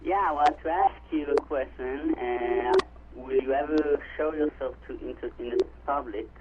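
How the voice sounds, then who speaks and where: A male caller from Israel asking questions in a hesitant, halting way. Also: medium pitch. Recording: muffled lo-fi phone line with noise.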